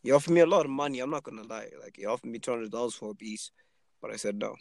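A twenty-year-old Zimbabwean man talks casually and rambles about being an aspiring rapper, relaxed and full of fillers. His mid-range voice is gravelly and rapid-fire, recorded with no room sound.

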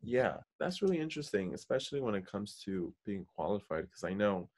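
A young American man hosts a podcast in a casual interview chat, feeling his way through questions and thoughts. His voice sits on the low side and is a little mellow, with a sing-song lilt and a fairly quick pace.

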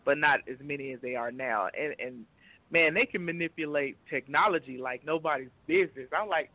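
A man with a fairly high voice hosts a casual conversation, laughing easily and asking questions. The recording is dry and tinny, like a phone call. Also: brisk, no room sound.

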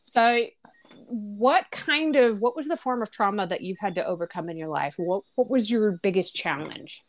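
A woman's voice: medium pitch, moderate pace. A woman hosting an interview show, enthusiastic and encouraging toward her guest. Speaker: podcast host.

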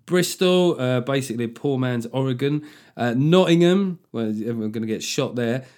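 A stand-up comedian hosts a podcast, chatting casually and cracking sardonic, sweary jokes. His voice is medium-pitched with a darkish tone, lively intonation and a moderate pace.

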